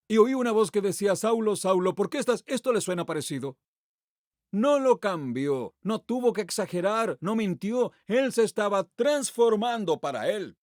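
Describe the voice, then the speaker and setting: A man's voice: sits high, a little mellow, no room sound, clean studio sound. A man preaching a sermon as pastor, asking the congregation rhetorical questions and reading Bible passages aloud with emphatic delivery.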